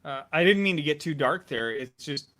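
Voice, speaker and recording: Man, talk show host, fairly high voice, upbeat, friendly, video call. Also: animated, normal speed, sharp tone. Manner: upbeat, friendly, hesitant restarts. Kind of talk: casual interview chat.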